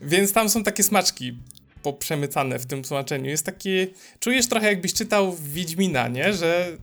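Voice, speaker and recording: A man's voice: a little high, moderate pace, faint music behind. A man co-hosting a podcast in casual chat, telling stories animatedly and swearing freely. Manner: animated storyteller, swears freely, many fillers. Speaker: podcast co-host.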